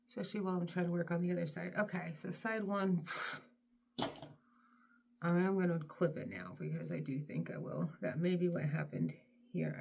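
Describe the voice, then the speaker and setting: A middle-aged woman from North Carolina talks to her viewers while she styles her hair. Her voice sits low with a gravelly, fried edge. She is chatty and self-deprecating, often dropping into soft mutters. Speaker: vlogger. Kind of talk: casual chat while styling her hair.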